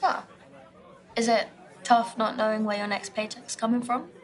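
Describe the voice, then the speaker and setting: A woman's voice: a little high, steady tone, a faint crowd, lightly acted. A woman playing Brandy, a direct, ambitious young woman on a speed date who fires questions at her date. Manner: direct and brisk. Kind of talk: live-action game acting.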